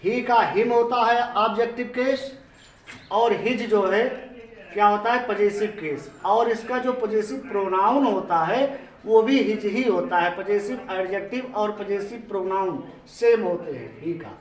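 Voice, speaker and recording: Male teacher, Hindi accent, high voice, unhurried, echoey classroom, mic off at a distance. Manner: slow, repetitive, asks the class questions. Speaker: English grammar teacher. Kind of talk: classroom lecture.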